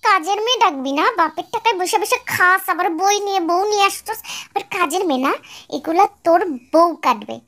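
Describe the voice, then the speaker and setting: একজন নারী কণ্ঠ দিচ্ছেন এক কড়া, খিটখিটে বয়স্ক শাশুড়ির চরিত্রে, বাংলাদেশি টানে ধমকে কথা বলেন। কণ্ঠটা নারীর তুলনায়ও খুব উঁচু, আর কথায় ঝাঁঝ আর খোঁচা লেগেই থাকে। এক ফ্যান-ডাব নাটকের চরিত্র।. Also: female voice, very high-pitched, lively intonation, brisk, a bit bright, full character voice. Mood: scolding. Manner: harsh, nagging, abusive scolding. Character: bossy scolding village mother-in-law, older woman. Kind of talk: fan-dub radio drama.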